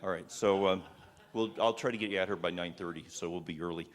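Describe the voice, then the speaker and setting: A man's voice: sits low, fast talker. A man giving an impassioned, sermon-style talk to a live audience, firing rhetorical questions and restarting his sentences often. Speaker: speaker at a church event.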